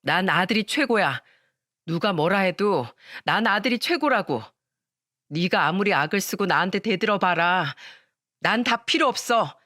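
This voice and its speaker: A woman's voice: medium pitch, expressive, a little slow, a bit bright, dry recording, clean studio sound. A woman voicing a harsh middle-aged mother who scolds her daughter and favors her son, in a storytelling radio show. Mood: stubborn dismissive. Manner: scolding, cold and dismissive.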